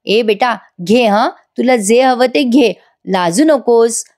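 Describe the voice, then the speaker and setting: A woman's voice: a little high, slow pace, a little mellow. A woman voicing a hospitable old grandmother who coaxes a guest to eat. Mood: doting. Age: older.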